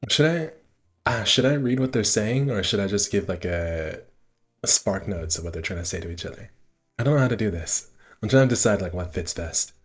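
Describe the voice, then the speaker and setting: Soft game music backs a streamer who reads visual novel narration aloud in a low, husky, slightly rough voice. His intonation is lively and his pace fairly quick for this casual game stream, and he sometimes stumbles or tosses in offhand asides.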